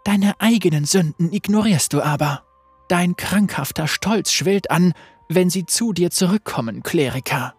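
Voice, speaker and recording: A husky-voiced narrator playing a stern veiled female spirit who judges and punishes, speaking in a cold, piercing way. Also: mid-range voice, measured pace, dry recording, soft background music. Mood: menacing. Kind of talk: read-aloud storytelling.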